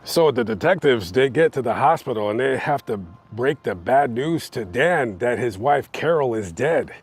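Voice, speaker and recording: A man's voice: mid-range voice, slightly rough. A man hosting a true-crime channel, telling the story on location in a casual, conversational way, with plenty of fillers as he talks to his viewers. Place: on location outside a house.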